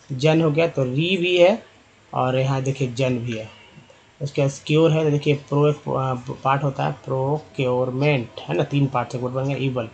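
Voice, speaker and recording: A man teaching online talks to his viewers as friends, spelling out letters and sounding out English words as he explains the lesson. His voice is medium-pitched and a little mellow, with slight background noise behind it.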